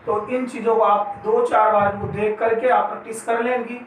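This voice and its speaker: A male Hindi grammar teacher giving an exam-prep spelling lesson, drawing out each word slowly, repeating it, and asking questions he answers himself. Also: high-pitched, flat delivery. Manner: slow, drawn-out pronunciation of each word, repeating it. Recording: very echoey room, mic at a distance, faint noise.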